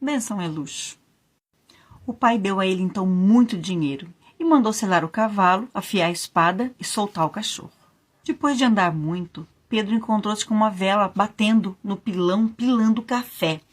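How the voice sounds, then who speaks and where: A woman storyteller telling a folk tale in a lively, animated way. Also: medium pitch, normal speed.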